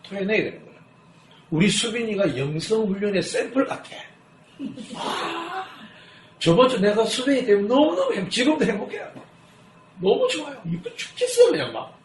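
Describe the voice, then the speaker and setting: A man preaching a sermon as pastor, telling stories lively and asking his congregation questions. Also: very high-pitched, normal speed, a little hiss or hum. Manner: asks the congregation rhetorical questions; lively storytelling. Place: church sanctuary. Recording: echoey church hall.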